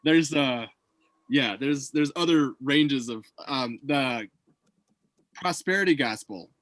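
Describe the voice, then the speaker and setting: A man's voice: medium pitch, slow pace, fairly bright tone, no echo. A man hosting a casual chat, rambling with many fillers and restarts. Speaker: host.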